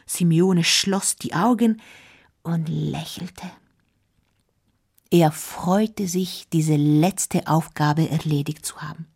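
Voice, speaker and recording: A woman telling a Christmas-style story slowly and gently, often dropping to a soft whisper. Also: on the low side, steady tone. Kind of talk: storybook narration.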